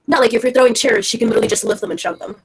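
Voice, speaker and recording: A woman's voice: a little high, fairly even intonation, rapid-fire, gravelly, husky, low-quality recording. A woman playing a tabletop game, talking loosely and playfully with some swearing. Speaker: player.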